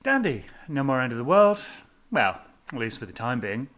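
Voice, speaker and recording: A man's voice: mid-range voice, sing-song, moderate pace, fairly bright tone. A man voicing an offhand young male ninja hero in a comedy reading.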